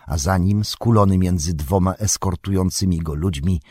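A man narrating an audiobook in a measured storytelling manner. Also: deep voice, a little mellow, breathy edge, dry recording, studio quality.

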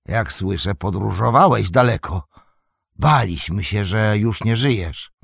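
A man voicing a gruff, bold old male hobbit farmer who speaks in hearty exclamations. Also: on the low side, measured pace, no room sound, studio quality, exaggerated voice.

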